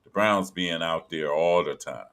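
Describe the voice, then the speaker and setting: A man's voice: deep voice, unhurried, a bit bright. A man hosting a casual sports talk show, chatting loosely and repeating phrases for emphasis. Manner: conversational, reads from an article, repeats phrases for emphasis. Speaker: sports podcast host.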